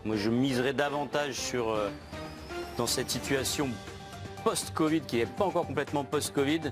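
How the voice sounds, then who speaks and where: Measured male pundit over guitar music. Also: mid-range voice. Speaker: football pundit. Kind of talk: TV studio debate.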